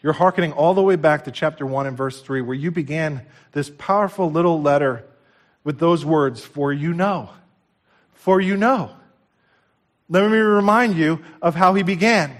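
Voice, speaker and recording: A man preaching a sermon in an emphatic, exhorting manner with repeated phrases, swinging between quiet asides and loud exclamations. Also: fairly high pitch, moderate pace.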